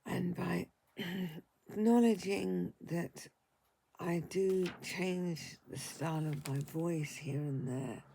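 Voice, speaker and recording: An older woman talks in a tired, croaky, husky voice with a gravelly edge, going very slowly and haltingly and stopping to take deep breaths. It's a casual home vlog with a steady hiss of noise underneath.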